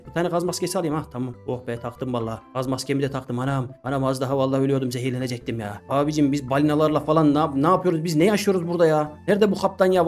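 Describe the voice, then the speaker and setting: Excitable fast-talking gaming host. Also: male voice, a little high. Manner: animated, exclaiming, slangy. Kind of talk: excited gameplay commentary.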